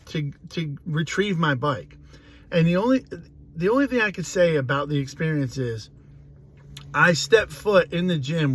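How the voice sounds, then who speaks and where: A man's voice: on the high side, fairly bright tone, breathy edge. A man in his forties telling a rambling, profane, self-mocking personal story in a casual way. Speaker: host.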